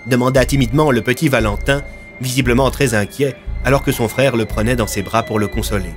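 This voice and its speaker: Male storyteller, mid pitch, steady expressive narration, faint music behind. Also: a little fast. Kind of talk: scripted dramatic narration.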